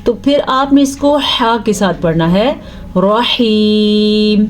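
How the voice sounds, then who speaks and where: A woman teaching Quran pronunciation, patiently explaining rules between slow drawn-out recitations. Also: fairly high pitch, expressive, a little hiss or hum. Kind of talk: tajweed lesson with recitation.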